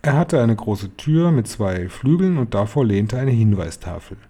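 Mellow-voiced man reading a story aloud. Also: fairly low pitch, expressive, normal speed, husky. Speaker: reader. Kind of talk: audiobook narration.

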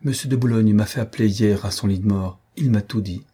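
A man voicing an earnest young colonel who pleads urgently and proudly, with a husky, dark voice. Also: on the low side, a little fast. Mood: imploring.

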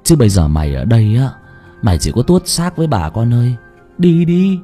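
A man voicing a timid male servant who stammers in hushed tones. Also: medium pitch, animated, fairly quick, faint music behind, close to an everyday voice. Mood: urging.

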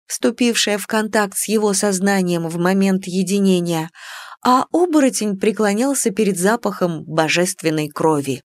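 A woman narrates a first-person fantasy novel in an even, measured way. Her voice sits at a middling pitch and is recorded dry and close, with no room around it. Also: no echo. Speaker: audiobook narrator.

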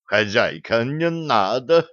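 A man's voice: medium pitch, animated, takes it slowly, fairly bright tone, clean tone, dry recording, dull audio. A fretful, whiny tomcat, as a man voices him. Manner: whiny, panicky pleading. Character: cowardly male pet cat, fretful.

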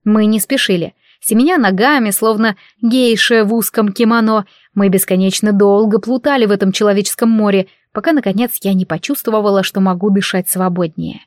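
A woman narrating a novel in the first person, with steady, engaged storytelling. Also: medium pitch, a little fast, hardly any pauses, no echo, studio quality. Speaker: audiobook narrator.

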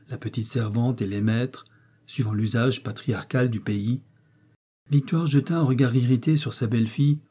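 A man reading a classic novel aloud as an audiobook narrator, in a measured, even storytelling manner. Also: medium pitch, breathy edge. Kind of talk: scripted literary narration.

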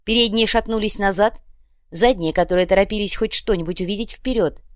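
A woman reading a story aloud in an even, steady narrating voice. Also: medium pitch, fairly quick, no echo, studio quality. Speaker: audiobook narrator. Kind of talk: scripted narration.

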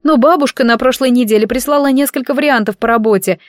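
A woman's voice: fairly high pitch, fast, no room sound, clean studio sound, voice pushed up, natural voice. A woman reading the lines of a tearful teenage girl from a village who keeps crying while she talks. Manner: sobbing, pleading.

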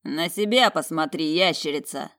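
A woman's voice: lowish voice, moderate pace, close to an everyday voice. A woman reading an audiobook, voicing a battered, defiant young male mage who taunts and mocks his rival. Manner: mocking, taunting.

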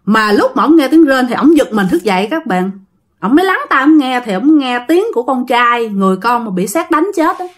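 A Southern Vietnamese woman tells a ghost story in a relaxed, chatty manner. Her voice sits somewhat high, and she keeps calling out to her listeners as she goes. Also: brisk. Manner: animated, addresses listeners directly. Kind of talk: casual spoken ghost story.

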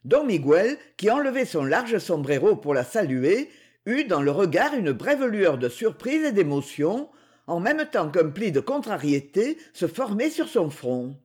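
A narrator reading a novel aloud in an expressive, storytelling way. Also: male voice, high voice, unhurried, breathy edge. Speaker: audiobook reader.

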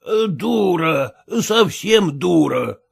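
A woman reading a story, voicing a stubborn, scornful husband who talks slowly. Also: medium pitch, lively intonation, soft background music, voice pushed up. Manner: slow, scornful.

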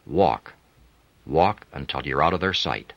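A man's voice: very deep voice, lively intonation, measured pace, creaky, fairly bright tone, no echo, dull audio, heavily acted. A man voicing an exhausted young Englishman on the run, speaking in clipped, tense phrases. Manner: tense, clipped, under his breath.

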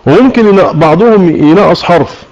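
A man with an Egyptian accent teaching a religious lesson, explaining with questions to his listeners and slowing down to demonstrate recitation. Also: high voice, expressive, darkish tone. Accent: Egyptian Arabic. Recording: muffled lo-fi online audio room.

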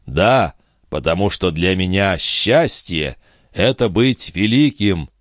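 Man doing a proud ambitious man, measured and soothing, low, slow, audiobook, dry. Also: lively intonation, no echo. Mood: calm. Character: ambitious man, calm, proud, tender but cool. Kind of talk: audiobook reading.

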